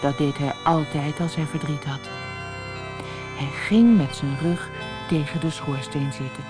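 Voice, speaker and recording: A woman reading a children's fairy tale aloud as a narrator, in a slow, lively storytelling manner. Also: low-pitched, music in the background.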